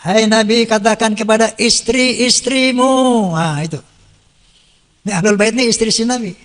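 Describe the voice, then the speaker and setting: A man with a high voice delivers a sermon, his words ringing out with a long reverb tail as in a large hall. He recites Arabic verses, explains them plainly, and keeps asking questions that he answers himself. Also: moderate pace, a bit bright. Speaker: preacher.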